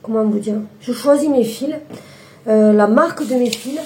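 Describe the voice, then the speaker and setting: An embroidery vlogger with a fairly high, mellow voice chats at a normal speed while showing off her cross-stitch projects. The casual show-and-tell is full of hesitations and restarts.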